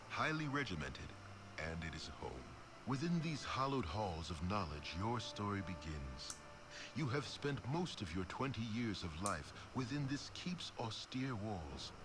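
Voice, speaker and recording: An actor playing a grave, formal storyteller narrating a fantasy video game with theatrical delivery over music. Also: male voice, fairly low pitch, background noise. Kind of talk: scripted dramatic narration.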